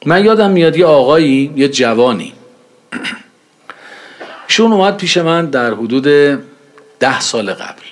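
A man's voice: fairly high pitch, sing-song, long pauses. A man preaching in a conversational way, telling anecdotes and acting out the dialogue in them. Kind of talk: storytelling religious talk.

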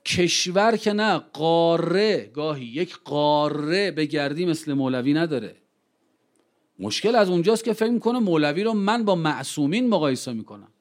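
A man with a somewhat high voice addressing a gathering in an impassioned speech. He keeps throwing rhetorical questions at his listeners. He drags out key phrases slowly for weight, then slips back into brisk storytelling with quoted exchanges. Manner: slows down to stress key phrases; lively storytelling with quoted dialogue. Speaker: public speaker addressing a gathering.

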